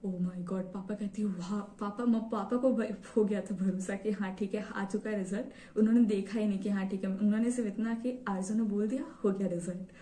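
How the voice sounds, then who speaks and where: A woman's voice: medium pitch, fairly even intonation, normal speed, hardly any pauses, dark tone, recorded from a distance. A young woman telling her own story to camera in a casual, eager way, with many fillers. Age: young adult. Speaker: vlogger sharing her exam story. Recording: roomy echo, set back from the mic.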